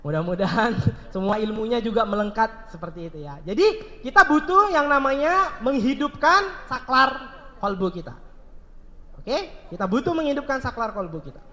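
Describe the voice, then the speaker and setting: A man's voice: extremely high pitch, very animated, moderate pace, pushed and bright, in a large hall. A man giving a motivational seminar talk, asking the audience questions and telling a story. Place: seminar hall.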